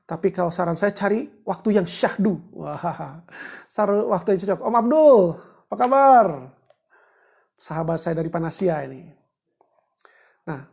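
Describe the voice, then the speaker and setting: A woman's voice: fairly low pitch, vocal fry, a little mellow, slightly rough. A woman giving a chatty, joking livestreamed teaching talk, greeting viewers and walking them through steps. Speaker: book discussion presenter.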